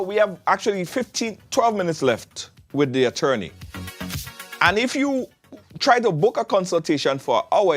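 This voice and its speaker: A man hosting a live call-in show, his voice swooping up and down with energy. He keeps pressing viewers to call now, and faint music sits behind him. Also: high voice. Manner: animated, urging callers to phone in.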